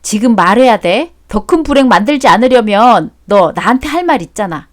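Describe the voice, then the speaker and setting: A woman narrating a radio-style story and voicing the lead in a lively, surprised manner. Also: fairly high pitch, normal speed.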